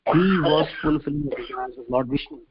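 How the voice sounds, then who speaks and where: Over dull conference-call audio with heavy background noise, a preacher lectures on religion, emphatically explaining a verse of scripture. His slightly high voice comes in halting, repetitive phrases, restating words as he goes.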